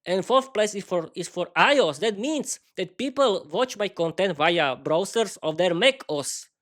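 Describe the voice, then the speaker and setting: A man's voice: sits high, expressive, fairly bright tone. Slovak man rambling on a podcast. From East Slovakia. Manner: halting non-native English with many restarts and fillers; cheerful bursts of thanks to listeners. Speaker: podcast host. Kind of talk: unscripted solo podcast ramble.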